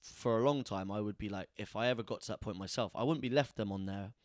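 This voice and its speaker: A man's voice: fairly low pitch, quick pace, dry recording, clean studio sound. A young man, co-hosting a casual podcast and rambling with lots of restarts and easy laughter. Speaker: podcast co-host. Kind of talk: casual chat.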